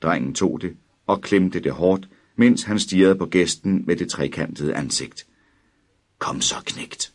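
A man narrating a dark audiobook story in a measured, dramatic way. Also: low voice.

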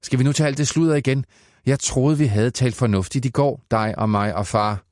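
A man's voice: lowish voice, expressive, a little mellow, no room sound, clean studio sound, close to an everyday voice. A man reading aloud and voicing a stern, reproachful mother who presses her son with questions. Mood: scolding. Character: stern scolding mother, middle-aged woman. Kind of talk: audiobook character voice.

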